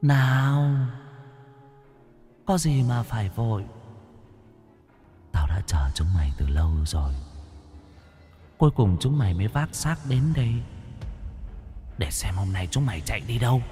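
A cruel female ghost from a horror storybook, put on by a male narrator, hissing her threats in a raised, hushed voice full of scorn. She taunts and snarls, with breathy cackles in her tone. Faint music plays behind her. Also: on the low side, big pitch swings, measured pace, long pauses. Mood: menacing.

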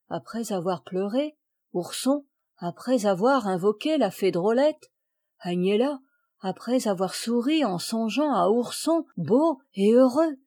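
A woman reading a classic children's fairy tale aloud as an audiobook, lifting her voice for the characters' cries. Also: warm tone. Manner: acts out the characters' cries with raised pitch and volume. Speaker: audiobook reader.

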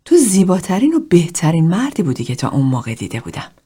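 A woman reading a tender, yearning woman in a therapy group, speaking softly in a half-whisper. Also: lowish voice, sing-song, husky.

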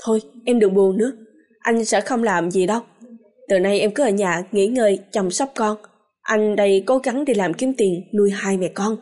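A woman's voice: mid-range voice, normal speed, darkish tone, lightly acted. A woman voicing a hot-tempered young husband. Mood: soothing. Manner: blunt, rough-spoken.

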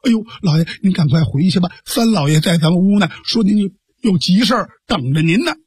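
A man's voice: sits high, lively intonation, a little mellow, breathy edge, dry recording, studio quality, full character voice. A man doing eager little servant boys. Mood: eager deferential. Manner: deferential, hurried.

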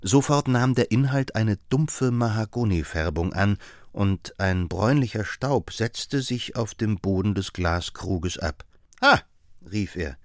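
Man with lively audiobook narration. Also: on the low side, dry recording, studio quality. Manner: measured, lively storytelling. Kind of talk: scripted narration.

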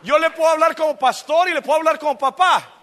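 A male pastor preaching a sermon, moving from quiet storytelling to shouted emphasis. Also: very high voice, fast talker, long reverb tail. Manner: animated preaching, swings from soft storytelling to shouting. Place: church.

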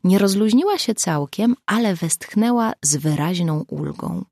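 A woman narrating a crime novel audiobook in a measured, even storytelling manner, close to the mic. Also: medium pitch, dry recording. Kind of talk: scripted narration.

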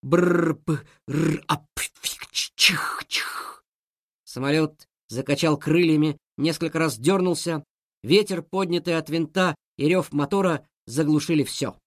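A man reads a children's story aloud with lively, expressive storytelling. His voice sits a little high for a man. The recording is dry and close. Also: normal speed, no echo. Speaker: narrator. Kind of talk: scripted narration of a children's story.

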